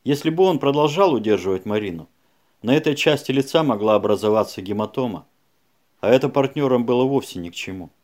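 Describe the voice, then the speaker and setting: A man narrating a crime audiobook in a lively way, with chatty asides to the listener. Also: medium pitch, fast.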